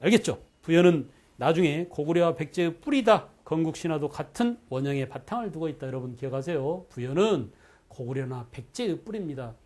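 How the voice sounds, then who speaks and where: A man teaching an exam-prep history lecture, animated, constantly checking in with students through quick questions. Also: fairly high pitch. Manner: animated, asks the class frequent quick questions.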